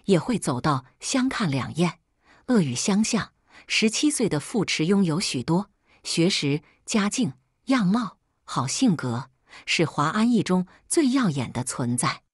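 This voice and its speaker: A woman with a low, breathy voice reads a first-person drama evenly and deliberately, the way an audio storybook would. Recorded close and dry, the audio carries no room sound and no echo.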